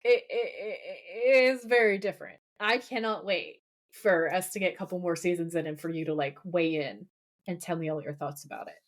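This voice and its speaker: A woman's voice: on the low side, fairly quick. A woman co-hosting a podcast, chatting casually and enthusiastically with lots of fillers. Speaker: podcast co-host. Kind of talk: casual chat.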